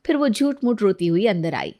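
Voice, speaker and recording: A woman narrating a moral cartoon story for children in a plain, even manner. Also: mid-range voice, a little fast.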